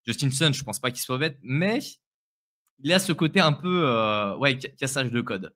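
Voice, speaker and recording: Man, bright forceful voice, casual co-host, hesitant, repeats words. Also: medium pitch, lively intonation, normal speed. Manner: hesitant, repeats words while giving opinions. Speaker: co-host of a crypto live stream. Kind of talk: casual chat.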